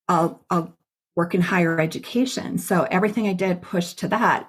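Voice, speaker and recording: A woman's voice: lowish voice, breathy edge. A middle-aged woman hosting an interview, telling stories in an upbeat, chatty way. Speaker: podcast host. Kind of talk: casual interview chat.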